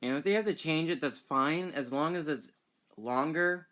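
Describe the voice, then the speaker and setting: A young man giving casual commentary as he reacts to a game demo, excitable and breaking into sudden exclamations. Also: fairly high pitch, normal speed. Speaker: gaming YouTuber reacting to a demo.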